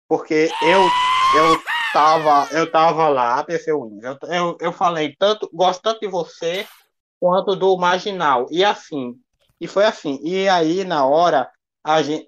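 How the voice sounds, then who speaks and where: A man's voice: on the high side, a little hiss or hum. A man as a livestream guest, defending himself in casual debate and repeating phrases over and over.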